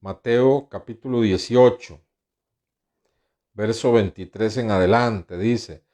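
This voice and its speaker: A man's voice: on the low side, slow pace, mellow. A male pastor preaching a sermon who reads scripture aloud, comments between the verses and keeps asking his listeners "right?". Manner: tags questions with "¿verdad?" and addresses listeners as brothers.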